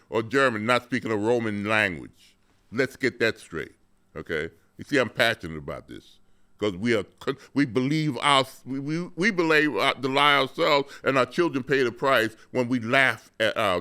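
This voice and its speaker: A male host giving a fervent history lesson on his show. He talks emphatically, doubling words for stress and tagging points with "okay?". His voice is bright and forward, with a smooth, clear ring. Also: mid-range voice. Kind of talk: passionate educational talk.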